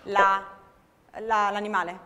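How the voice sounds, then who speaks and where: A woman's voice: medium pitch, little pitch movement, slow, sharp tone. A woman interpreting a sermon phrase by phrase in a hall, often correcting herself mid-phrase. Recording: long hall reverb.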